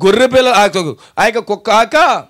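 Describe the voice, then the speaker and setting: Fast and expressive, this Telugu-accented pastor preaches in a high, ringing, fairly bright voice. Wave after wave of rhetorical questions and call-and-response carry his retelling of the story as he presses the point home to the congregation.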